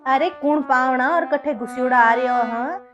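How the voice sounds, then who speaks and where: Comic skit: a woman doing a rude, bossy Marwari husband, high voice, sneering questions. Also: normal speed, dull audio, music in the background, natural voice. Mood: scornful. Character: angry young husband, harsh, domineering.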